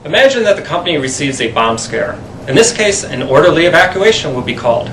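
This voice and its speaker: An echoey, slightly distant recording of a man hosting safety training. He speaks in an earnest, formal, scripted way at a slightly high pitch, with faint noise around him. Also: very animated, quick pace, a bit bright.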